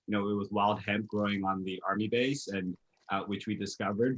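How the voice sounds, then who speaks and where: A man from Uganda, a recruiter and author appearing as a guest, steadily explains his background to an interviewer in a casual chat over a video call from home. His lowish voice is bright and forceful, captured by a webcam mic with dull audio.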